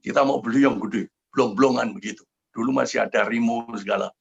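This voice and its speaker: Gravelly older man preaching fervently. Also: mid-range voice, fairly quick, muffled recording. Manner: fervent, swings between soft and loud. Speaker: pastor. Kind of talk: sermon with testimony. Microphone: video call.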